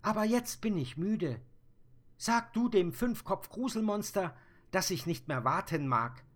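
A small, bold girl chatters in a high, loud voice, played by a male narrator. She sounds cheeky and sure of herself and speaks slowly. Her pitch swings widely from line to line. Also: animated.

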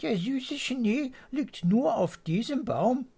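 A storyteller voicing an excited male swallow who speaks in high, chirpy exclamations. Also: takes it slowly, creaky, slightly rough, full character voice. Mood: puzzled.

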